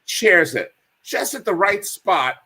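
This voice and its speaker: A man's voice: high-pitched, takes it slowly, breathy edge. A man, a guest on a chat show, telling comedy history stories and acting out lines. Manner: animated storyteller, acts out quotes. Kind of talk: casual chat.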